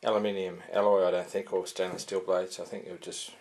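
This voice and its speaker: A man's voice: low voice, flat delivery, fast, a little mellow. A man giving a casual, rambling product review with many fillers and restarts. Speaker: sword reviewer.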